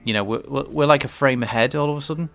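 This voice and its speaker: A medium-pitched man talks fast in a creaky, fairly bright voice over soft background music. He's a game developer streaming his work, thinking aloud as he live-codes and explains his game engine in casual commentary. He hesitates and restarts often, and a cold leaves him a bit stuffed-up and nasal.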